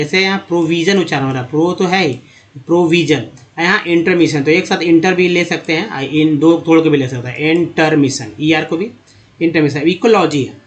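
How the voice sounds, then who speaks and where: A man teaches English pronunciation in a fairly high voice. He speaks slowly, spelling out letters one at a time and repeating each example word in a steady, explaining tone. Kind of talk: screen-based spoken lesson.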